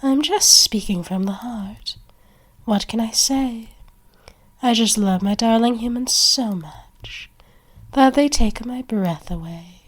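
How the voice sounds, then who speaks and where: Possessive female vampire for ASMR roleplay, played by a woman: boastful, lovesick, unhurried, flustered easily. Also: on the high side. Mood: flirty, smitten.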